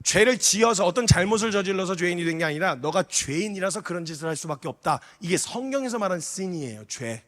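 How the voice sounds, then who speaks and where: Man preaching, high-pitched voice, lively storytelling, church reverb. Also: fast talker, few pauses. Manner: animated, acts out dialogue, questions the audience. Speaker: missionary preacher. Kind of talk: sermon with storytelling. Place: church hall.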